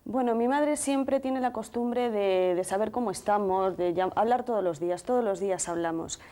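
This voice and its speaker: A woman in her thirties with a Madrid Spanish accent, a TV interview guest calmly recounting events in detail with quoted dialogue. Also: mid-range voice, normal speed. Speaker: guest, sister of the deceased. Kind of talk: emotional first-person account in a TV interview.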